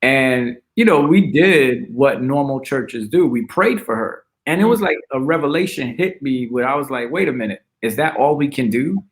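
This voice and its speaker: A man, a pastor chatting as a guest in a relaxed way and joking about himself. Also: mid-range voice, normal speed, hardly any pauses. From Brooklyn, New York. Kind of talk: casual interview chat.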